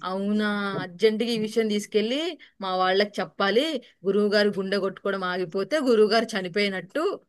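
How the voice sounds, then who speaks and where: A woman's voice: mid-range voice, brisk, clear, resonant tone, dry recording, lightly acted. A woman voicing a foolish, eager young male disciple who talks politely and pleadingly in a told folk tale. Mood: naive, eager.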